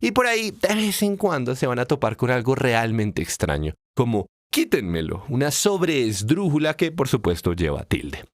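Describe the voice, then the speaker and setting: A man's voice: medium pitch, big pitch swings, moderate pace, few pauses, no echo, studio quality. A man narrating a scripted lesson on Spanish accent marks, telling it as a playful story with acted dialogue.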